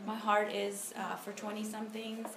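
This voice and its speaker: A Honduran woman in her thirties shares a casual personal testimony with prayer at a church ministry meeting, speaking at a normal speed with a medium pitch and level tone. Her delivery is conversational and full of ums and restarts. A phone lying on a table captured it in an echoey room with noticeable background noise.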